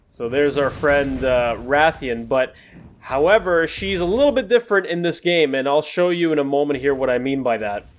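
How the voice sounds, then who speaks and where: A man gives apologetic, meandering commentary over recorded gameplay as host of a gaming video, repeatedly going back to earlier points. His pitch is fairly high and his pace moderate, with a little hiss or hum in the recording.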